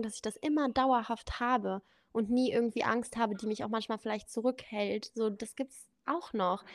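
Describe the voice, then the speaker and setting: A young adult woman casually telling a personal story as a podcast guest, lively and acting out the dialogue. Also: a little high, no room sound. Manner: lively, acts out quoted dialogue.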